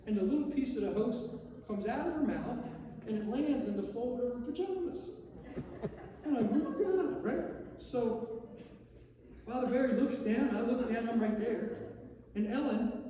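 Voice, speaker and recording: A man's voice: sits high, dark tone, a little hiss or hum. A middle-aged man giving a eulogy for his mother, telling anecdotes and joking with the audience in a large church. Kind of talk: humorous eulogy storytelling. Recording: echoey church hall from far off.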